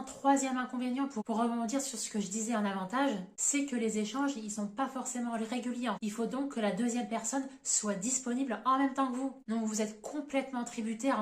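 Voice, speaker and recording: Woman coaching in an echoey room. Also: fairly high pitch. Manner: methodical, counts off pros and cons one by one. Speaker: English exam coach. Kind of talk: video lesson.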